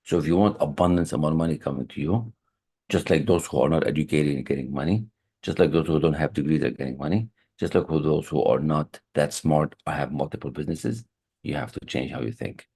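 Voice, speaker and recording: Brisk and earnest, a high performance coach with an extremely low, mellow, slightly rough voice teaches a motivational online lesson. He keeps repeating key phrases and restarting sentences, heard through a computer mic on a video call from an online meeting room.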